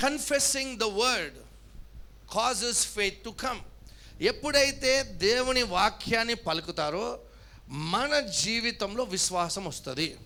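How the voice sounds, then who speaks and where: A man's voice: high voice, pushed and bright. A male pastor, preaching a sermon emphatically and calling on the congregation to respond. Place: church service.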